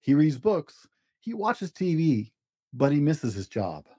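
Taking it slowly, a man with a fairly high, slightly rough voice reads a children's storybook aloud as a read-along host. His tone is relaxed and mellow yet animated in its rises and falls, simple and expressive for young listeners, in a dry recording.

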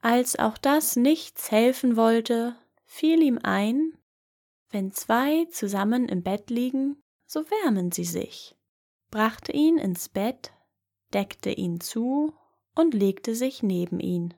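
A woman narrating a fairy tale in a calm, measured storybook reading. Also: on the high side.

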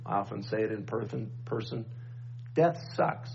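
A middle-aged pastor preaching a sermon at a pulpit microphone, repeating refrains and calling for amens. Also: male voice, on the low side, animated, normal speed, creaky, a little mellow. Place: church sanctuary, at a pulpit microphone. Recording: dull church recording with faint hum.

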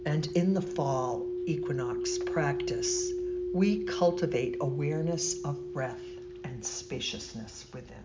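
Very slow, soothing meditation guide, muffled recording. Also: mid-range voice. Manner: soothing, gentle, deliberate with long pauses. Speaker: yoga nidra instructor. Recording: muffled, noisy recording with steady humming tone.

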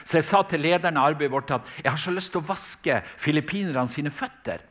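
A man's voice: on the high side, a bit bright. Fervent male preacher. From Norway. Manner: fervent, emphatic, with frequent restarts. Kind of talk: sermon with storytelling.

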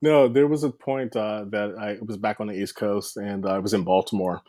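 A man's voice: on the low side, fairly even intonation, normal speed, dark tone, no room sound, clean studio sound. A man who tells a long story in casual chat, rambling with many fillers and restarts, often laughing. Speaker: podcast guest.

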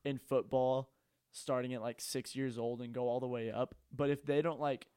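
A young man talking with friends in an easygoing, musing way. His voice sits at an ordinary middle pitch and stays relaxed and conversational. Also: normal speed, clear, resonant tone, no echo, clean studio sound. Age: young adult. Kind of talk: casual chat.

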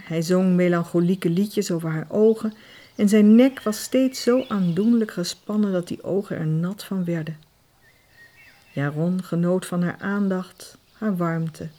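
A woman reading a novel aloud as narrator, calm and measured. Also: on the low side. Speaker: audiobook narrator. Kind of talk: scripted narration.

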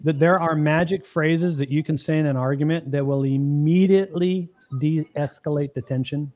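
As a guest on a podcast interview, this middle-aged marriage coach explains things step by step in an earnest, emphatic way, often tossing in "okay?" for the listener. His voice is a little high and a little mellow, with fairly even intonation and a moderate pace.

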